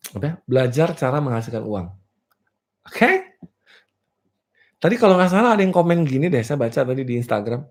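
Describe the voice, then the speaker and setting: A male business coach with a medium-pitched, sing-song voice gives a motivational talk to a live and virtual seminar audience, speaking at normal speed with frequent pauses. He's playful, poses rhetorical questions, laughs at his own jokes, and keeps asking the audience "clear?"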